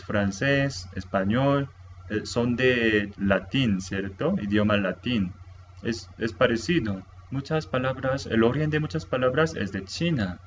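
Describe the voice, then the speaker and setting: A man whose first language is Korean, teaching a language lesson in Spanish with a halting style, repeating words and often checking "¿sí?". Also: medium pitch, dull audio, slight background noise.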